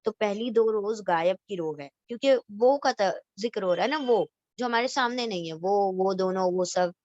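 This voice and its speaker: A woman's voice: mid-range voice, moderate pace, darkish tone, no echo, muffled recording. Patient woman teaching Arabic grammar, dry sound. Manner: explains patiently, repeats terms, asks "theek hai?" to check understanding; mixes in English grammar words and Urdu-flavoured vocabulary. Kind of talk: recorded lesson revising a past lecture.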